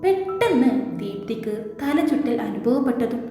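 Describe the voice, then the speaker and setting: A woman's voice: sits high, very animated, normal speed, mellow. Woman narrating a story with heavy echo. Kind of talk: scripted narration of a romance serial. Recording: heavy echo, reverb, faint music.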